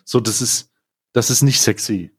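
A man hosting a casual chat, excitable and scatterbrained as he unboxes an advent calendar, laughing often. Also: medium pitch, a little slow, slightly rough. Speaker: podcast host.

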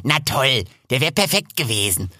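A man's voice: medium pitch, sing-song, normal speed, sharp tone, dry recording, clean studio sound. A man voicing a cheeky, joking little male forest animal in a storybook. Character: cheeky small male forest animal who climbs trees.

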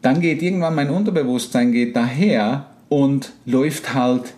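A man's voice: medium pitch, normal speed. A man explaining ideas in a casual talk, acting out quoted inner thoughts. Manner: animated, acts out inner voices and quotes.

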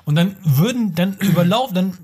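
Man, podcast co-host, husky, slightly high, crude casual rant. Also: lively intonation, moderate pace, a little mellow. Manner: crude, stumbling over words. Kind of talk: casual chat.

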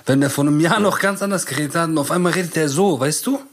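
A man's voice: fairly high pitch, quick pace, a bit bright. Slangy man in casual chat. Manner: slangy, keeps adding "you know?". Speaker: podcast co-host.

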